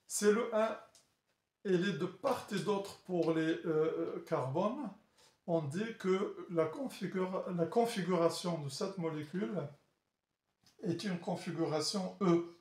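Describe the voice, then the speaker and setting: Slow, halting man lecturing in an echoey room. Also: high voice, darkish tone. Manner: halting, with many fillers and restarts, checking in with the class. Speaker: chemistry teacher. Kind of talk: classroom lecture at a board.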